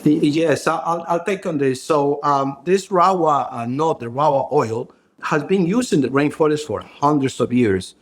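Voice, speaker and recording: Brief: man, a co-founder, halting and searching for words, slightly high voice. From Ecuador. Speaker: brand co-founder and hairstylist. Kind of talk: podcast interview.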